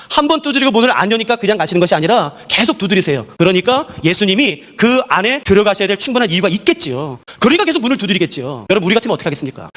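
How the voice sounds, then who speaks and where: A male pastor preaching a sermon, animated and constantly asking the congregation questions. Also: high-pitched.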